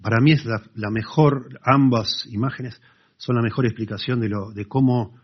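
A man with an Argentine accent preaching a sermon as a pastor, telling stories in a conversational way with lively asides to the congregation. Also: medium pitch, moderate pace, slightly rough. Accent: Argentine Spanish. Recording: dull lo-fi sermon recording.

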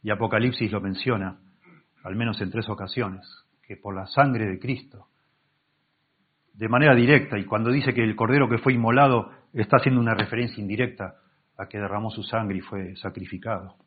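A man's voice: lowish voice, fairly even intonation, brisk, slightly rough. Pastor man preaching on tinny recording. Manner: reads scripture aloud and explains it, with many self-corrections. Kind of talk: Bible-teaching sermon.

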